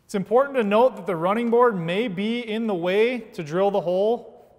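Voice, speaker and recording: High-voiced man explaining an install step by step. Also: moderate pace, in a large hall. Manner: steady, methodical step-by-step explaining. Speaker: product installation instructor. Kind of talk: scripted how-to narration. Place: large indoor workshop studio.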